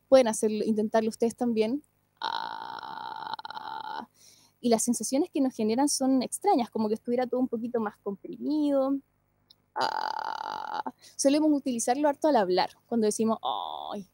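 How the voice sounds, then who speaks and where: A woman, a singing teacher and speech therapist, giving an online lecture in a clear, explanatory way and often checking that listeners follow. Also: fairly high pitch, mellow, no room sound, clean studio sound.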